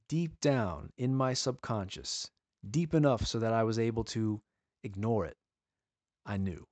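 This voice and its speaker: His medium-pitched voice has a darkish tone, recorded dry, as he preaches an earnest sermon-style lesson. He slows down on key words and presses his listeners with pleading rhetorical questions.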